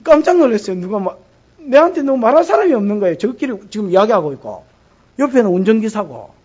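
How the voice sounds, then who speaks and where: Pastor, male, Gyeongsang accent, husky, lively dramatic sermon delivery, dull lo-fi recording. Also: high voice, fast. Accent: Gyeongsang Korean. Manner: dramatic, acting out voices of the people in his stories.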